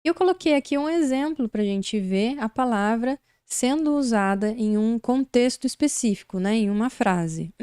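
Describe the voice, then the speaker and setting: A woman's voice: a little high, expressive, normal speed, few pauses, dark tone, smooth, no echo, clean studio sound. A woman from Brazil teaching an online English lesson, explaining words patiently step by step.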